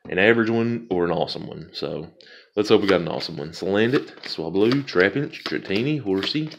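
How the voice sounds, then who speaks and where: Brisk and gravelly, this man's low voice is also expressive. He's a vlogger who opens card packs on camera, chatting casually with viewers, rambling along and amusing himself as he unboxes.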